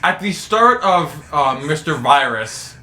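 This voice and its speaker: A man co-hosting a casual podcast, teasing his friend with dry quips and rarely laughing out loud. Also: a little high, big pitch swings, slow pace, faint music behind. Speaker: podcast co-host. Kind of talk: casual chat.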